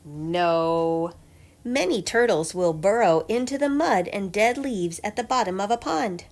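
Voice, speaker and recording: Like a teacher with a picture book, this woman tells the story clearly and emphatically, stressing its questions and answers. Her medium-pitched voice is animated and darkish in tone, and she reads a little slowly.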